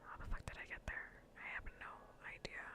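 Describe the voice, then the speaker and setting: During an ASMR gaming livestream, a woman streamer chats casually and briskly in a soft, breathy whisper and murmur.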